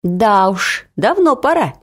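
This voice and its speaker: A woman voicing a tart, meddling middle-aged aunt with a snide, sharp way of talking. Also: sing-song, takes it slowly, heavily acted. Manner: sharp, snide, raised pitch.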